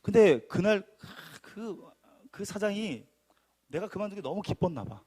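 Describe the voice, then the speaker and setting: A man preaching a sermon testimony, telling his story in an animated, emphatic way and acting out arguments. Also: sits high, measured pace.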